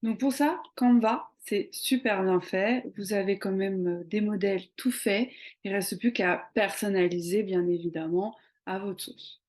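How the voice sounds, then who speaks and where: Young woman, casual video tutorial, mellow tone, frequent hesitant fillers, conversational. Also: mid-range voice, unhurried. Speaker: social media marketing coach.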